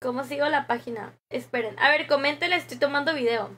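A young woman with a Mexican accent hosts a live stream, talking casually into a desk microphone. Her voice sits high, and she chats loosely with viewers and reads their comments aloud. She laughs often as she talks. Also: quick pace, fairly bright tone, a little hiss or hum.

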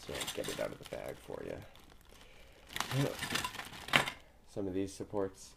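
A man's voice: low-pitched, wildly swooping pitch, takes it slowly, gravelly, very noisy. Upbeat young man vlogging at home. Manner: chatty, upbeat, with frequent ums. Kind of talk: casual vlog. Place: small bedroom, indoors.

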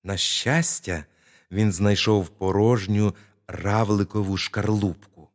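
A man narrating a bedtime fairy tale in a slow, expressive storytelling manner. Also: fairly low pitch.

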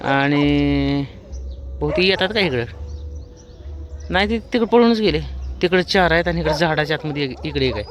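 Walking his dog along a road outside, a vlogger offers casual commentary to the camera, pausing often and speaking at a moderate pace in a fairly high voice. He's chatty and shouts at surrounding dogs to shoo them away, and faint outdoor noise can be heard.

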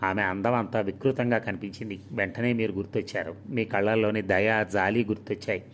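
A man voicing an earnest young male doctor in a storybook reading, speaking softly and persuasively. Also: lowish voice, fairly even intonation, a little fast, slight background noise, natural voice.

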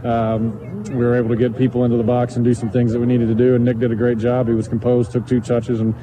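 After a night game on an outdoor soccer field, a middle-aged coach gives a matter-of-fact, analytical interview into a handheld microphone. He talks fast at a medium pitch with a completely flat delivery. The recording is rough, with crowd noise and clear outdoor field sound.

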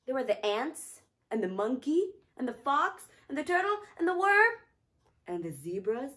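A woman hosting a children's storytime, reading aloud and quizzing kids in a warm, teacherly tone. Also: high-pitched, big pitch swings, normal speed. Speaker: storytime host.

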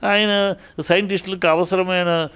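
A man's voice: high voice, little pitch movement, a little slow, a bit bright, smooth. A man giving heated spoken commentary in an interview, scolding and indignant, firing off rhetorical questions and often restarting his sentences.

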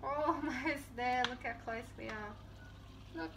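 This is a relaxed cooking demonstration by a vlogger in her thirties who talks casually to viewers as she cooks at home. Her voice sits high and her pace is slow, with a distant mic and noise in the background.

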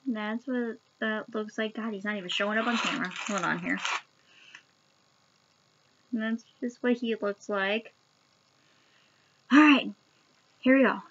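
A young adult woman vlogs a sour candy taste challenge, chatting casually to a webcam held at arm's length in a small room at home. Her mid-range voice is a bit bright and a little slow, with frequent pauses, and the recording is muffled with slight background noise.

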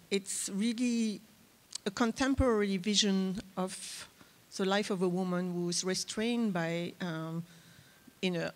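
A woman moderator speaks into a handheld mic on a large theater stage. She asks her questions gently and hesitantly, using many fillers. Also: mid-range voice. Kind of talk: festival panel moderation.

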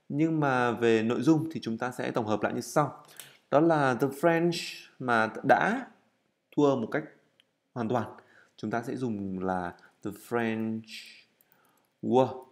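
A man teaching English in a recorded lesson, explaining step by step while writing, with frequent fillers and self-corrections, and drilling words by repeating them slowly. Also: medium pitch.

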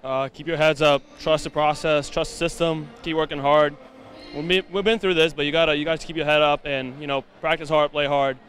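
A man's voice: a little high, steady tone, fairly quick, a bit bright. A young man, a college basketball player, answering postgame questions in an arena. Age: young adult. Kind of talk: postgame interview. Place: indoor arena. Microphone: handheld interviewer mic.

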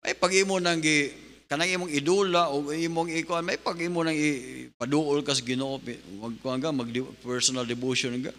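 A male pastor preaching an animated sermon, mixing in English. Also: on the high side, normal speed. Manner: animated preaching, switching between Bisaya and English. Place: church hall. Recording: long hall reverb.

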